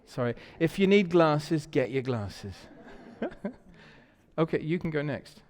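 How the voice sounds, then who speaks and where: A pastor delivers a conversational sermon in a church sanctuary, his voice on the high side, expressive, and slow. He tells stories warmly and often repeats words while searching for the next one, and the church hall adds reverb to the recording.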